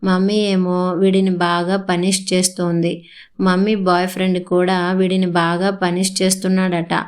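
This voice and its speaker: A woman's voice: fairly low pitch, monotone, normal speed, lightly acted. A woman voicing a young boy in a storybook reading, speaking in a pleading, childlike way. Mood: upset. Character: young boy grandson, upset and tearful.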